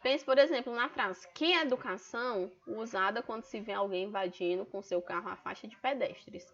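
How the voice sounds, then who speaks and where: A woman's voice: mid-range voice, moderate pace, fairly bright tone. A Brazilian woman teacher with a Brazilian Portuguese accent, explaining a grammar lesson in an online class step by step and often checking in with her students. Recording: dull lo-fi online class audio.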